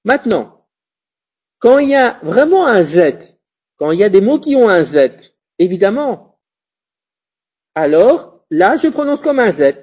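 A husky, slightly breathy teacher talks at an unhurried pace through a pronunciation lesson, spelling letters and checking in after each point. The pitch moves around a lot. The recording sounds dull and lo-fi. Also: big pitch swings, a little mellow. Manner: repeats example words slowly, self-corrects.

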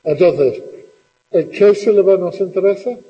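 A man's voice: high voice, a little slow, in a large hall, muffled recording. A middle-aged man teaching a classroom lesson, patiently asking questions and repeating the students' answers.

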